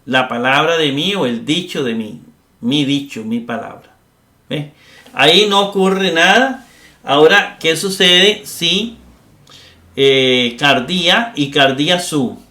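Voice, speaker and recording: A man's voice: a little high, expressive, slow, sharp tone, reverberant. A man teaching a grammar lesson, explaining step by step and often checking in with his listeners. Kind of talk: classroom lecture.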